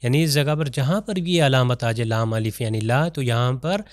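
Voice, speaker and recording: A man teaching an online Quran recitation lesson, explaining step by step with examples and reciting Arabic verses slowly. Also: medium pitch, no echo, studio quality.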